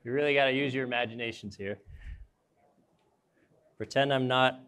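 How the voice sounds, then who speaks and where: A young man gives a relaxed, hands-on demonstration at an indoor trade show booth, thinking aloud as he works with his climbing gear. His voice is smooth and clear and sits at a middle pitch. He is picked up on a close mic. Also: moderate pace. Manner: casual, thinks aloud while working with gear. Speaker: arborist trainer. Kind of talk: live demonstration talk.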